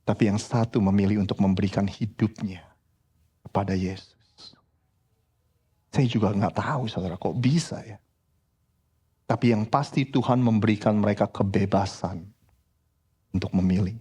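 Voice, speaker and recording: A pastor preaching a sermon in church, lively and direct, often addressing the congregation as brothers and sisters. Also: male voice, fairly low pitch, normal speed, pauses often, husky. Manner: animated preaching, frequently addressing the congregation as "saudara".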